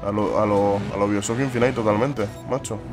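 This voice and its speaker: Excitable young gamer. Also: male voice, lowish voice, a little fast, over music. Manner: excitable, swears and exclaims often. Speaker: gaming YouTuber. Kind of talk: let's play commentary.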